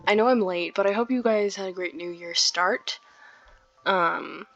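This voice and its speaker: In a mid-range, fairly bright voice, a woman hosts a let's play at an unhurried pace. She comments on the game in a giggly, chatty way, adding informal asides and reading some narration aloud. Game music runs behind her on a dull lo-fi mic.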